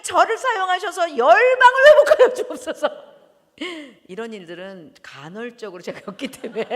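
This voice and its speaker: A woman preaching a sermon in a church, animated, often laughing and breaking into loud exclamations. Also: medium pitch. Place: church hall. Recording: long church hall reverb.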